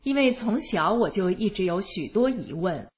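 A woman narrating her own life story in the first person, in a calm and even manner. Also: medium pitch, moderate pace. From rural China.

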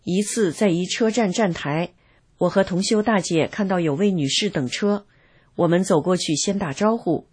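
An older woman calmly reading aloud a first-person account of her own experiences. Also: lowish voice, normal speed, breathy edge. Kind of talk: read-aloud personal testimony.

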